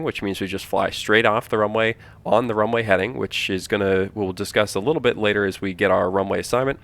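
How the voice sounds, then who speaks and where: Male flight instructor, fairly low pitch, noticeable vocal fry, informal step-by-step teaching, explanatory, repeats key points. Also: fairly bright tone. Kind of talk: instructional flight simulator walkthrough.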